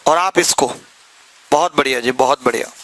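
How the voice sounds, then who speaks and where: Bright, playful maths teacher man. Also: medium pitch, moderate pace, poor audio. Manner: joking, teasing students between explanations. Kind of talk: live classroom maths lesson.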